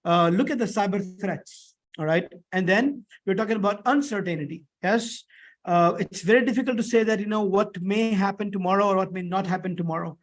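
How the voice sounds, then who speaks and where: A man's voice: high voice, brisk. A man lecturing in a conversational, explanatory way with frequent check-in questions, his voice thick and strained from a sore throat. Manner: conversational, repetitive, checks understanding with short tag questions. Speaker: instructor teaching an online or classroom course.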